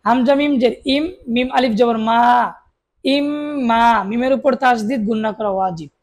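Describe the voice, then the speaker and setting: Spelling out Arabic syllables one at a time, a woman with a somewhat high, slightly mellow voice leads a Quran reading lesson. Her recitation is slow and drawn out, listeners are asked to repeat, and she briefly explains the rules.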